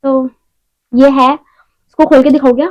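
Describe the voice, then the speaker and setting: A young beauty vlogger chats at home through a casual shopping haul, rambling along with self-mocking asides. Her voice is high and fairly flat in pitch, unhurried and a little mellow. The recording sounds muffled.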